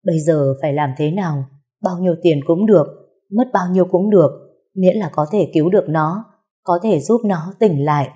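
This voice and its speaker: Woman voicing a grieving gentle old uncle. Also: on the low side, moderate pace, breathy edge. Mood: worried. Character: older man, grieving worried uncle, gentle.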